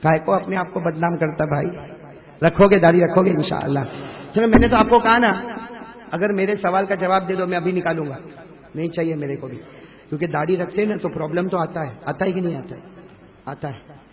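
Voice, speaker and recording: A man preaching a lively sermon to a large crowd, joking and calling on the crowd to answer aloud. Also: high-pitched. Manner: jokey, calls on the crowd to answer loudly. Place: large open-air gathering. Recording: narrow phone-like sound.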